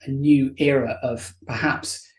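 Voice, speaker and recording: A co-presenter giving measured, thoughtful closing remarks to an online event audience. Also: mid-range voice, fairly even intonation, a little mellow.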